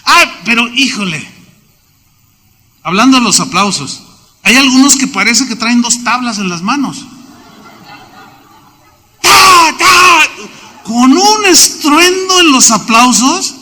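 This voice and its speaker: A man with a Mexican Spanish accent preaching a sermon as pastor, telling lively stories and acting out the people in them, with sudden shouts. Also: very high voice, a little slow. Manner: animated storytelling, voices quoted people, sudden shouts. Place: church sanctuary. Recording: long hall reverb.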